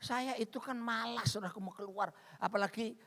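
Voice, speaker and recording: A man's voice: sits high, brisk, sharp tone. A middle-aged man preaching a sermon as a pastor, telling stories with humor and repeatedly addressing the congregation as "saudaraku". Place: church hall. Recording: reverberant church hall.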